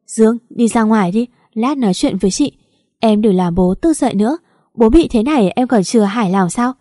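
A woman's voice: a little high, animated, brisk, dark tone, dry recording, studio quality. A woman voicing a distraught elder sister who speaks urgently and scolds her sibling in an audio story.

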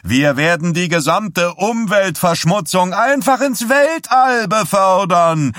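A roaring candidate, high revival-preacher singsong, bellowing to a crowd, dry close sound, audiobook voice. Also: male voice, a bit bright, no room sound, full character voice. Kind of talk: audiobook character voice.

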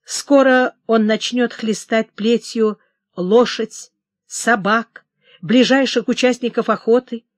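A woman giving a dramatic, expressive audiobook narration of a historical novel. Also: on the high side, slow pace, no echo, studio quality.

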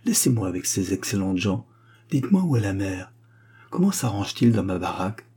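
A man with a low, husky voice reading the part of an older, proud bachelor who declaims stiffly in a slightly raised tone. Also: big pitch swings, a little fast, dark tone, full character voice. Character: elderly gentleman bachelor, fussy, proud.

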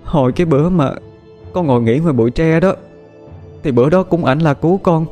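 A man's voice: fairly high pitch, faint music behind, natural voice. A man voicing a frightened, tearful young village girl. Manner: soft, halting, tearful storytelling.

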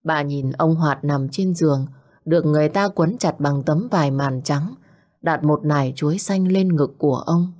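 A woman telling an audio story as a narrator, in a slow and somber way. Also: sits low, a little mellow.

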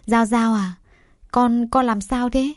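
A woman's voice: medium pitch, normal speed, a little mellow, no echo, clean studio sound, natural voice. A woman voicing a worried, loving middle-aged mother in an audio story, soothing and anxious.

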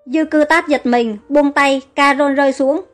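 A woman reading a story aloud in steady audiobook narration. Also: high-pitched, unhurried, soft background music. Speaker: story reader.

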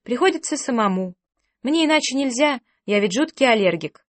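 A woman's voice: a little high, lively intonation, moderate pace, no room sound. A woman voicing an allergic young man.

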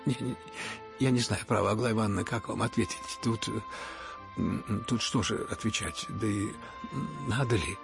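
A man reading an audiobook and voicing a gentle, shy young prince who talks softly and hesitantly. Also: on the low side, moderate pace, creaky, music in the background. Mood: earnest. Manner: hesitant, soft-spoken, stammering.

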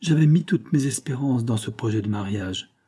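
A man's voice: mid-range voice, lively intonation, normal speed, dark tone, breathy edge. A man voicing an anxious, tearful older mother in an audiobook reading, speaking in a pleading, emotional way. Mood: distraught.

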